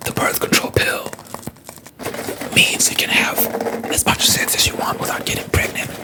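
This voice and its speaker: An ASMR host from South Africa whispering fast, talking through opinions in a rambling way with halting restarts.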